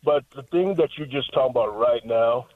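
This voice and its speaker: A man's voice: medium pitch, brisk, dry recording. A man calling in to a radio show over a phone line, talking earnestly at length and quoting scripture. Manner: earnest, talkative, quotes scripture. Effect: heard over a phone line on the radio. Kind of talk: caller on a call-in radio show.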